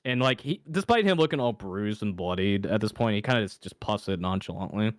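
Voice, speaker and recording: A man narrating as game master in a casual, chatty way, with quick asides to his players. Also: lowish voice, animated, no room sound, clean studio sound. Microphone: camera mic.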